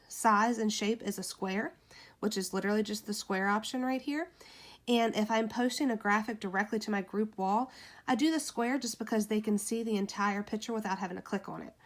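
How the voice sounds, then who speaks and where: A woman giving a casual tutorial on making social media graphics, chatting to viewers through a phone in her room. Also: a little high. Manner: chatty, addresses viewers as you guys and y'all. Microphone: phone camera pointed at ceiling.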